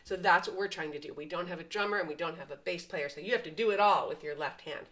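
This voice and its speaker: A woman's voice: on the low side, fast talker, fairly bright tone, rough recording. A woman teaching piano patterns step by step, patiently explaining and counting the beats aloud. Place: at a piano, indoors. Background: piano playing.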